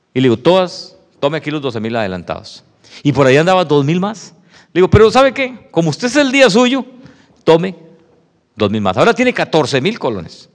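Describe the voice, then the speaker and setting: A man preaches, telling his story with lively, swooping intonation and acting out the dialogue. His voice sits a bit high and rings with a long hall reverb. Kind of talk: sermon testimony.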